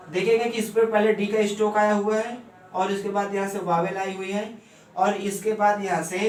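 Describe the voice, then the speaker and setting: A man teaching shorthand step by step, explaining at a board in speech and often asking if it is clear. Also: sits high. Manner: steady, repeats "ठीक है ना" often. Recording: echoey room, mic far off, faint hum.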